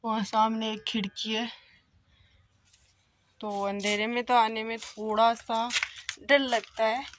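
Her voice fairly high, her delivery flat and slow, a young vlogger tours an old empty brick house inside and out. Holding her phone at arm's length, she chats casually, uses lots of filler phrases and addresses viewers as friends. A little hiss or hum is audible.

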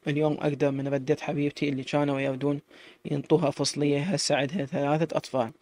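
A man's voice: a little high, flat delivery, racing, darkish tone, no room sound, lightly acted. A man with an Iraqi accent voicing a loyal, grateful young tribesman who speaks emphatically.

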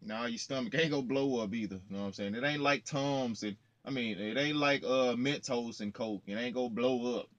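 A man's voice: mid-range voice, a little fast, few pauses, fairly bright tone, no room sound, highs cut off. A young man in his twenties, a trucker vlogging in slangy, playful casual chat, talking straight to his viewers from his truck cab into a close phone camera. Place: parked truck cab, indoors, small.

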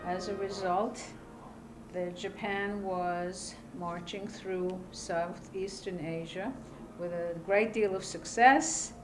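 An older woman from Iraq telling her life story in an interview, seated at a table in a small room, speaking calmly and deliberately with pauses between phrases. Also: medium pitch, low-quality recording. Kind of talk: measured personal testimony.

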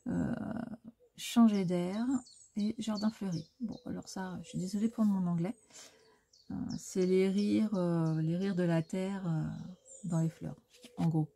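A woman talking through a craft supply haul in a casual, hesitant way, pausing often on fillers and correcting herself. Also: mid-range voice, vocal fry, warm tone, breathy edge. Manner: hesitant, full of "euh" fillers; self-correcting as she goes. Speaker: scrapbooking vlogger. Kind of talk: casual show-and-tell haul.

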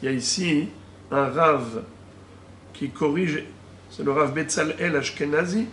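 A man, a rabbi, teaching a Talmud lesson, slowly reading out Hebrew and Aramaic terms and explaining each one. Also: fairly high pitch, a bit bright. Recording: echoey room with faint ambient noise.

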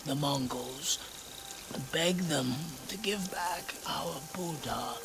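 An actor playing a weak, devout monk who is dying, in a video game, with a creaky, faltering voice. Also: male voice, fairly high pitch, takes it slowly, background noise. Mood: weak, pained. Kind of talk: video game character dialogue. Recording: loud music and falling rain.

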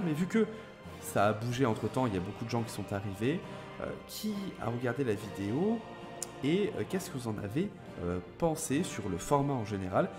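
A young man from France is hosting a live gameplay stream and talking casually with his chat, greeting viewers by name. He pauses often, fills gaps with hums and restarts his sentences. His voice sits at an ordinary middle pitch, and music plays clearly behind him. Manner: hesitant, many filler pauses and restarts; chatty, answers viewers by name. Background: background music.

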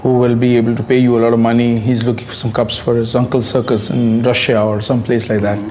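Medium-pitched man explaining on location. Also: level tone, quick pace, over loud music. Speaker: wildlife campaigner and biologist.

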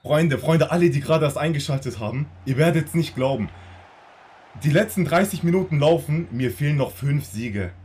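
A man live streaming a football video game, talking excitedly, stammering and speaking to his viewers. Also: a little high, moderate pace, a little hiss or hum.

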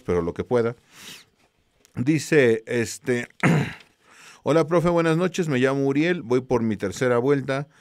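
A man's voice: medium pitch, a little mellow, clear, resonant tone, dry recording, studio quality. A man with a Mexican accent, a teacher casually greeting students and reading their messages aloud in a slangy, easygoing way. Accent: Mexican Spanish.

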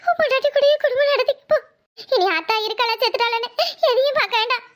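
A woman voicing a scheming older village mother-in-law in a Tamil cartoon, with a southern Tamil accent and a shrill, whiny, melodramatic manner. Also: fast talker, bright, forceful tone. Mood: bitter scolding. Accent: southern Tamil Nadu. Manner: fake wailing, scolding. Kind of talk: cartoon voice acting.

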